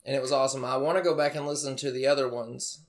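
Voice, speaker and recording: A man's voice: mid-range voice, steady tone, fast talker. A young man co-hosting a podcast in casual chat, joking and laid-back, swearing freely. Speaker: podcast co-host.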